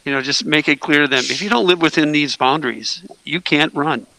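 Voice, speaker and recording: Gravelly man giving practical advice. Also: fairly high pitch, a little fast, bright, forceful tone, dry recording, rough recording. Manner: matter-of-fact, gives practical advice. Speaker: school board member. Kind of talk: casual meeting discussion.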